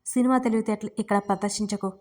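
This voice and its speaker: A woman voicing a sharp-tongued young married woman in a spoken romance. She snaps and scolds with exasperation, in an ordinary mid-pitched voice. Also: steady tone, fast talker, natural voice. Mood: irritated. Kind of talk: audiobook character reading.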